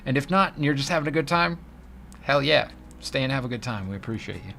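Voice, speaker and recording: A man's voice: mid-range voice, animated, fast talker, creaky, sharp tone, slight background noise. A man hosting a casual livestream, chatty and joking, reading chat aloud. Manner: chatty, joking, drops into silly voices. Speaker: livestream host.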